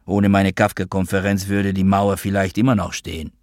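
A man's voice: sits low, flat delivery, normal speed, darkish tone, no room sound, studio quality, close to an everyday voice. A man reading the part of a self-important elderly father who was once a double agent, wheedling and boastful. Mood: wistful.

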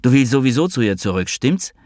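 A man's voice: medium pitch, big pitch swings, a little mellow, no echo, clean studio sound, voice pushed up, lightly acted. A male reader voicing a bitter, accusing woman doctor in an audiobook, with a raised voice. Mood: scornful. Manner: scornful, accusing, quick to attack.

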